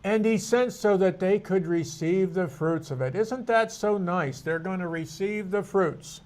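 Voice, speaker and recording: A man's voice: high-pitched, unhurried, a little mellow. A man teaching an informal Bible study class, thinking aloud as he walks through scripture with asides and restarts.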